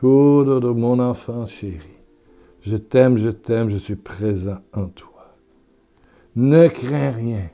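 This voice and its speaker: Jesus, a man doing a slow tender voice. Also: medium pitch, warm tone. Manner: slow, soothing, repetitive reassurance. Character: Jesus speaking tenderly to a beloved child.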